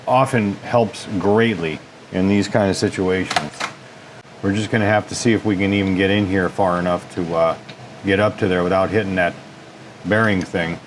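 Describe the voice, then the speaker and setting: A man's voice: low-pitched, steady tone, normal speed, noisy background. A man hosting a repair channel, casually demonstrating lathe work in his workshop and thinking aloud with folksy asides. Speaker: machine shop repair host.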